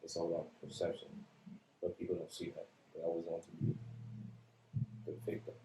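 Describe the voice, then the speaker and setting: A man with a deep, mellow voice hosts a casual podcast chat, keeping a calm, matter-of-fact delivery. The room is echoey and has a faint hiss of noise underneath. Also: a little fast. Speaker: podcast host.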